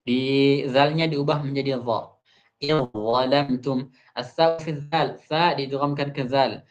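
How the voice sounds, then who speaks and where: A man teaching Quran recitation rules, explaining an Arabic text step by step, repeating each example slowly. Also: medium pitch, fairly even intonation. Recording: dull muffled online audio.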